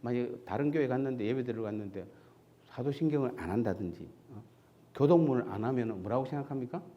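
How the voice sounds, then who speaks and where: A pastor from Seoul gives a conversational sermon in a church sanctuary, posing questions to the congregation and answering them himself. His medium-pitched voice moves quickly, and the recording's highs are cut off.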